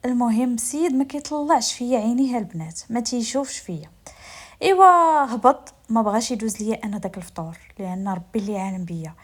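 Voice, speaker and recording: A woman's voice: on the high side, lively intonation, fast talker, a little mellow. A woman with a Moroccan accent telling a story in the first person, speaking to her listeners in a confiding way. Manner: confiding, addresses listeners directly.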